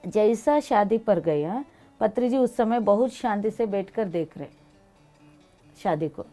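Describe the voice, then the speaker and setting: A woman guest telling personal stories, speaking animated, non-fluent Hindi mixed with English. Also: mid-range voice, a little slow, soft background music. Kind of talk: personal storytelling in an interview.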